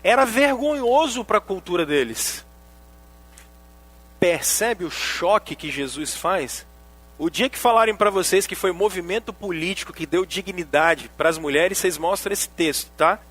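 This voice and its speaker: A Brazilian man preaching a sermon as pastor, animated and joking, speaking straight to the congregation. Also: high voice, measured pace.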